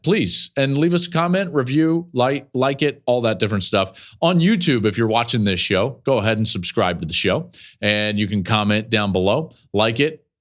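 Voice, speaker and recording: A man's voice: medium pitch, fairly bright tone. A middle-aged man hosting a sports podcast, talking in a chatty, conversational way with frequent fillers. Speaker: podcast host and football analyst. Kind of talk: casual podcast talk.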